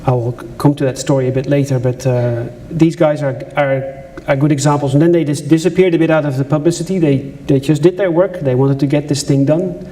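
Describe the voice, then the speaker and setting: Brisk and with few pauses, a man with a fairly high, mellow, steady voice delivers a conversational conference presentation in a lecture room. He is a Dutch-accented speaker from the Netherlands who makes asides to the audience and restarts often.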